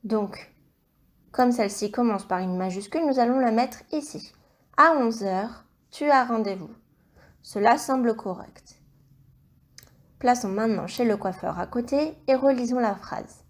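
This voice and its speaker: Woman teacher, fairly high voice, slow and deliberate, patient, spells out every sound for young kids. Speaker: primary school teacher. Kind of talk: slow, clearly articulated dictation lesson.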